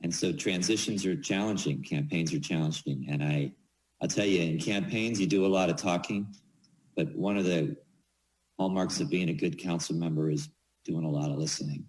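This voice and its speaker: A man giving informal ceremonial remarks as an official, halting and repeating words as he goes. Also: deep voice, darkish tone, poor audio. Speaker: official speaking at swearing-in ceremony.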